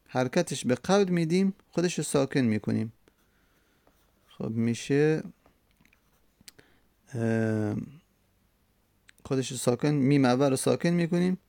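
A man with a gravelly, rough-edged voice explains grammar rules in a lesson. He talks slowly and repeats examples sound by sound, often pausing with drawn-out fillers. The recording is close and dry, with no room echo. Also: medium pitch, darkish tone. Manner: slow, repeating each example syllable by syllable; hesitant, many drawn-out fillers. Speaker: teacher. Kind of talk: explaining an Arabic grammar text.

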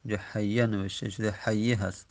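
A man's voice: on the low side, little pitch movement, darkish tone. A man teaching Arabic grammar in a lesson. He recites the rule text, then explains it step by step and drags out each example word.

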